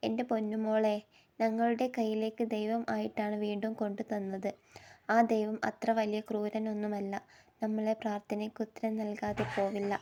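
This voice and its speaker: A woman voicing a loving older father who gently consoles his daughter. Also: mid-range voice, monotone, normal speed, lightly acted. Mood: consoling.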